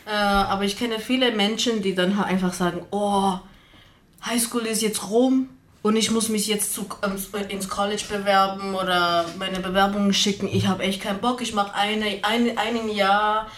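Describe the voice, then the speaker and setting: A woman from Houston, Texas, appears as a guest on a casual radio panel, speaking German with frequent grammar slips and fillers. Her mid-range voice stays fairly even at a normal speed.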